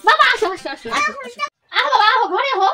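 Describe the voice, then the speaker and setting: A woman's voice: extremely high pitch, racing. A woman playing a doting, indulgent mother-in-law, coaxing and soothing in her talk. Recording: loud noisy amateur recording.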